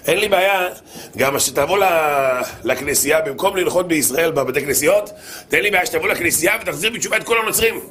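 A man's voice: a little high, lively intonation, fairly bright tone. A man voicing an earnest, friendly male priest who talks eagerly.

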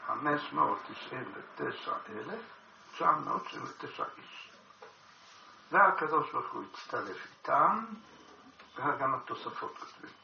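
Guy teaching torah, asks rhetorical questions, gravelly, echoey room and a bit of hiss. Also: medium pitch, lively intonation, bright, forceful tone. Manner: expounds a text, posing rhetorical questions. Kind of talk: Torah study lecture. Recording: echoey room, distant dull mic.

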